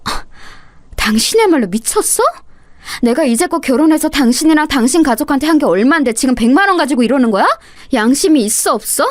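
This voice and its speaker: A woman voicing a middle-aged married wife, wounded and indignant, pleading in a shrill, tearful way for an audiobook story. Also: no echo, clean studio sound.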